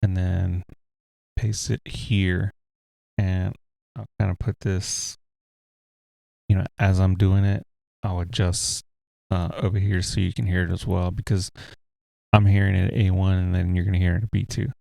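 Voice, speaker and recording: A deep-voiced tutorial host speaks at a measured pace with vocal fry, pausing often as he gives relaxed, rambling explanations laced with fillers. Captured on a USB desk mic without a pop filter in a home room with a heater going, the casual screen recording has no room sound.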